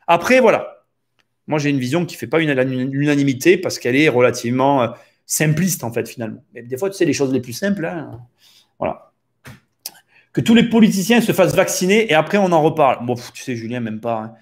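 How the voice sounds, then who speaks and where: A man's voice: fairly high pitch, lively intonation, brisk. A man hosting a real estate podcast, speaking in a casual, opinionated monologue with rhetorical questions and frequent hesitations. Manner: hesitant, many fillers and restarts, rhetorical questions.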